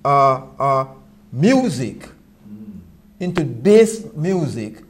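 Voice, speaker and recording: A man's voice: mid-range voice, big pitch swings, extremely slow. A man in casual Rastafari reasoning, using Rasta speech and repeating small words before landing each point. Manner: stammering repetition of words before making a point.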